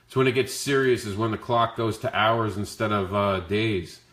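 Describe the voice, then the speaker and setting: Growly, low-voiced man with the flu, echoey room. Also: normal speed, a bit bright. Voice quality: growly, rough voice. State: sick with the flu. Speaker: comic creator hosting a Q&A. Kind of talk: casual livestream Q&A talk. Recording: echoey, roomy sound.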